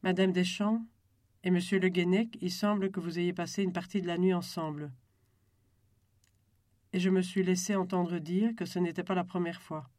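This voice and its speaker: Stern, formal cruise director, measured and firm; reader voicing him, dry close sound. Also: medium pitch, steady tone, a little mellow, no room sound, lightly acted.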